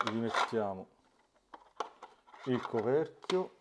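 Speaking slowly with big swings in pitch, this DIY smart-home channel host walks viewers through a hands-on tutorial from a small indoor room. His voice sits in the mid range, and the recording is very noisy.

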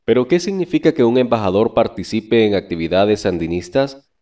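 A man reading a scripted news voice-over in a steady, formal way. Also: fairly low pitch, a little fast. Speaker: news narrator.

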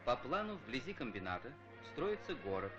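A man's voice: mid-range voice, sing-song, moderate pace. Man narrating an old newsreel. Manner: formal, declamatory announcer delivery. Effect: old newsreel film soundtrack. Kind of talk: scripted Soviet-era newsreel narration. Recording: dull lo-fi old film soundtrack under loud music.

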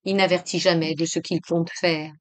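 A woman reading aloud voices a tense, withdrawn young woman in a flat, toneless, low delivery. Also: moderate pace, natural voice. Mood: grim.

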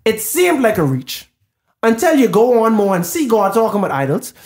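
A man co-hosting a casual Bible discussion podcast, talking in an animated, loose way and calling his co-host bro all the time. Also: high voice, moderate pace, roomy sound.

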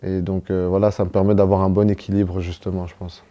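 A man's voice: low voice, flat delivery, fast, warm tone, dull audio. A young man from Cameroon, raised in Belgium, answering interview questions in a hesitant way, with many fillers and restarts. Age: young adult. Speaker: footballer being interviewed.

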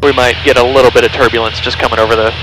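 A man's voice: mid-range voice, little pitch movement, very fast. A young man as a pilot over the radio and headset intercom, chatting and making calls from a small plane cockpit. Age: young adult. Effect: aviation headset intercom. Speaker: pilot giving a scenic flight. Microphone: aviation headset boom mic. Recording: cockpit headset audio, engine noise.

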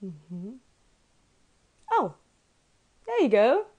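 Giggly host. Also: female voice, a little high, wildly swooping pitch, drawn-out words, darkish tone, muffled recording. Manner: chatty, giggly, many fillers. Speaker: radio interviewer hosting a live stream. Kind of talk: casual live-stream interview. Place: indoors, on a live video stream.

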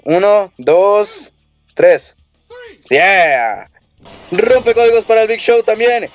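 Soft background music plays under a muffled, lo-fi recording of an excitable young man commentating casually on gameplay. His voice is high-pitched and slow-paced, and he swears and yells at the game.

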